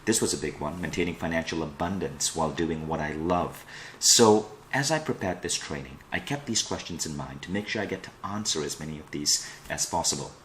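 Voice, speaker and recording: A middle-aged coach from Kuala Lumpur, Malaysia, presents an online self-improvement training with an emphatic, promotional delivery. His very deep voice is a bit bright and fairly quick, with a little hiss or hum in the audio.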